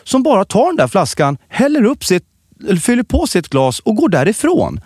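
A man's voice: high-pitched, slightly rough, no echo, studio quality. A man co-hosting a podcast, chatting casually and telling stories with lots of restarts. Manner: animated storytelling, many restarts. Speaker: podcast co-host. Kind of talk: casual chat.

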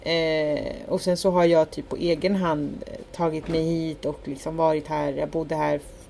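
Lively Swedish woman storyteller, mellow voice. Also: low voice, gravelly. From Sweden. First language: Spanish. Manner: animated storytelling, acts out quoted dialogue. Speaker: podcast co-host. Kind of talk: casual chat. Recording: faint background noise.

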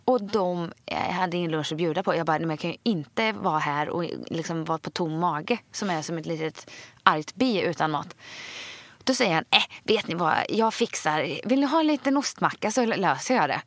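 Animated Swedish woman telling a story. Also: fairly low pitch, no room sound. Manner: animated storyteller, acts out both sides of dialogue. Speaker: podcast co-host. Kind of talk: casual chat.

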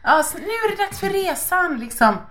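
A woman co-hosting a podcast in casual chat, telling stories animatedly and acting out quotes. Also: very high voice. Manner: animated storytelling, acts out quotes. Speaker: podcast co-host.

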